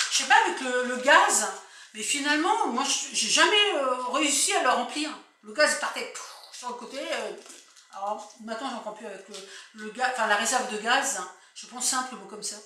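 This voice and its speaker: A woman's voice: high voice, sharp tone. Chatty Picard woman in an echoey room. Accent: Picard French. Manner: chatty, rambling, restarts sentences often. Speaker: vlogger. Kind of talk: casual shopping-haul chat. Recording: echoey room, distant mic, faint noise.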